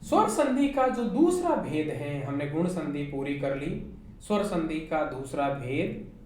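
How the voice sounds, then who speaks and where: A woman teacher with a Hindi accent lectures slowly and patiently, her pitch rising and falling in a lively way. She walks her students through each point with rhetorical questions. The recording sounds very echoey, with faint noise behind her. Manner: slow, explains step by step with rhetorical questions to students. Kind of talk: online class lecture.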